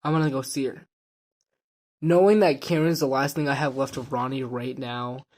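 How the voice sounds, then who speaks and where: Guy vlogging a personal story, quiet and halting, voice trailing off, middle pitch.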